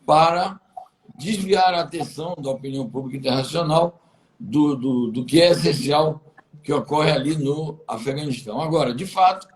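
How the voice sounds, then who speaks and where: A man, speaking as an interview guest in a measured, deliberate way with hesitant restarts. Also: fairly high pitch, a little hiss or hum, low-quality recording. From Bahia, Brazil. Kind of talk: political commentary interview.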